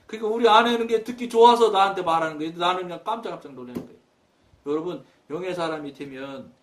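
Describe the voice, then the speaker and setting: A middle-aged man preaches in a high voice. He tells his story with quoted dialogue, jumping up for emphasis and then dropping soft. He sounds set back from the microphone. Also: recorded from a distance. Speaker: pastor. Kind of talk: sermon.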